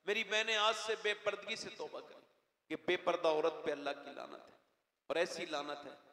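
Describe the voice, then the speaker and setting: Impassioned high-voiced male preacher, echoing hall. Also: steady tone. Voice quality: emotional, builds from soft pleading to loud crying-out. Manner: addresses the crowd directly, asks call-and-response questions. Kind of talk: impassioned religious sermon. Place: large religious gathering. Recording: echoey hall with long reverb.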